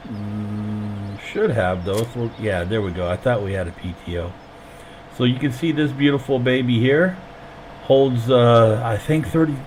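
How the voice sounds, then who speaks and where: A sick man who is losing his voice streams a farming game through a headset, casually explaining each step as he plays. His mid-range voice has a darkish tone, and the rough recording carries slight background noise.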